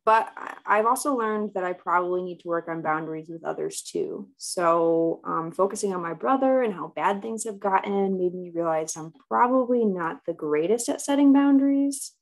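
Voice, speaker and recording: A woman's voice: fairly low pitch, normal speed, few pauses, low-quality recording. A woman speaking as a client in a counseling role-play, talking hesitantly and with self-doubt about herself.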